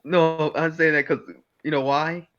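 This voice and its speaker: A man's voice: a little high, flat delivery, a little slow, fairly bright tone, lo-fi sound, soft background music. A man chatting casually with a friend on a stream, laughing his way through his stories. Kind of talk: casual chat.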